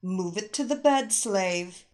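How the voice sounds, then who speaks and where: A woman's voice: medium pitch, animated, slow pace, darkish tone. A woman voicing a woman issuing short commands. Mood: commanding. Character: woman newly giving orders to her partner.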